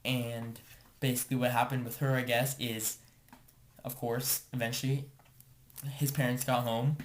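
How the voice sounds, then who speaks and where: A man's voice: mid-range voice, flat delivery, normal speed, slight background noise. A young man casually telling a story to the camera, rambling and filling his talk with "like.". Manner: rambling, filler-heavy with constant "like".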